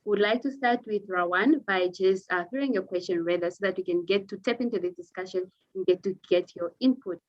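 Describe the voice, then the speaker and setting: A woman's voice: mid-range voice, fairly quick, hardly any pauses. Woman moderator, online panel, courteous formal handovers, mid voice, dull lo-fi sound. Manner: polite, formal turn-giving.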